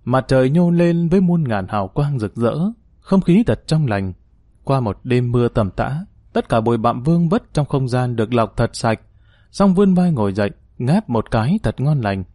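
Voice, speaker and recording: A man reading a novel aloud in a steady, descriptive narration. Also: medium pitch, moderate pace, no room sound, studio quality. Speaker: audiobook narrator. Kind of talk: scripted story narration.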